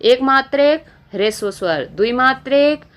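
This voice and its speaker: A woman teacher walks her students through a grammar lesson at a very unhurried pace. Her voice sits a little high, and she keeps asking rhetorical questions and repeating key terms so they sink in. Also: expressive, highs cut off. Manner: slow, repetitive explaining with frequent rhetorical questions. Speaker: Hindi teacher.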